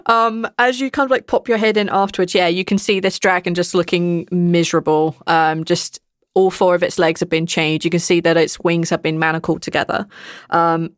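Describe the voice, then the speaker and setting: A woman narrates a tabletop game as its game master. Her voice is slightly low, and she describes scenes in a loose, conversational style. The recording is close and dry. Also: little pitch movement, moderate pace, clear, resonant tone, no room sound. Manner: informal, conversational.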